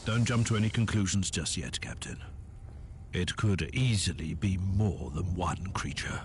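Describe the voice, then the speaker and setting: An actor playing an imperious, self-assured inquisitor in a video game. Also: male voice, deep voice, measured pace. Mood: measured. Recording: noisy game ambience.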